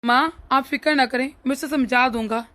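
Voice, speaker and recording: A woman's voice: high-pitched, moderate pace, fairly bright tone, slight background noise. A woman voicing a young husband in a cartoon family drama, scolding his wife sternly. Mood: reassuring. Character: young husband caught between wife and mother. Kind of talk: cartoon voice acting.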